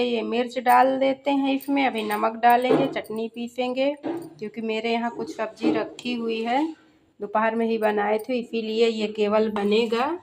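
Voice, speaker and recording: A woman's voice: a little high, creaky, noisy background. A middle-aged woman chatting casually to viewers in a home vlog, first on a walk outdoors and then in her kitchen. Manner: chatty, addresses viewers as friends. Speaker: vlogger.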